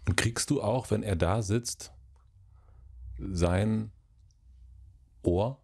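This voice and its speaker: Deep voiced guy hosting, probing questions, lots of short yeahs. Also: extremely slow, creaky, warm tone, husky. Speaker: podcast host. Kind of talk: interview questions.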